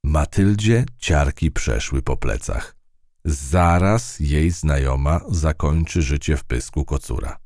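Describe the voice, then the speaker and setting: A man narrating a children's storybook in an expressive, unhurried way. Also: a bass voice, dry recording, clean studio sound. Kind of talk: storybook reading.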